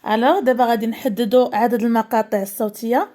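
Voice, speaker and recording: A woman with a Moroccan accent teaching a primary school French lesson, repeating words slowly and carefully to drill syllables. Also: a little high, steady tone, warm tone.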